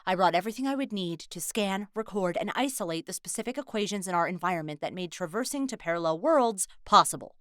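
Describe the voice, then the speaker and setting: An actress playing an impatient, sharp-tongued female scientist who speaks in a curt, scornful way in an audio drama. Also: lowish voice, lively intonation, quick pace, few pauses, no echo, clean studio sound, close to an everyday voice.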